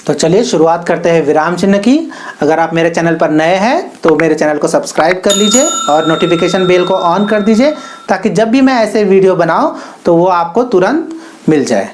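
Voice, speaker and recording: A woman teaching a Hindi grammar lesson, reading example sentences slowly and with emphasis. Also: lowish voice. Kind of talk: explanatory classroom lesson.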